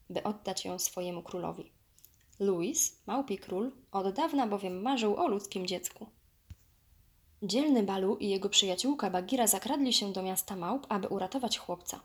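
A woman reading a children's storybook aloud in a lively, expressive way. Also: medium pitch.

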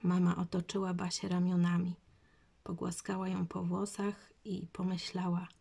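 A woman narrating a children's audiobook in a calm, measured way. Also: lowish voice, gravelly, slightly rough.

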